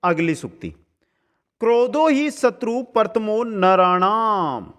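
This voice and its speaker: Male exam tutor, high voice, slow measured delivery, chants lines then explains them casually. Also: sing-song, fairly bright tone, clean tone. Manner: chants each verse slowly, then explains it in quick asides; addresses students as friends, asks checking questions. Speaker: teacher. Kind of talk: exam-prep lesson.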